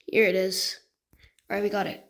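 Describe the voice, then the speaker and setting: A female video creator and game level maker gives casual gameplay commentary and walkthroughs in informal gamer slang. Her voice is medium-pitched and level in tone, at a moderate pace, with music running under it.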